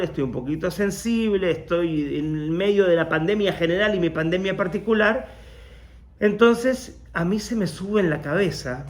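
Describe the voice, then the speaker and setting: A man, a rabbi, telling a personal story in a workshop talk, acting out the voices of the people he quotes. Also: high voice.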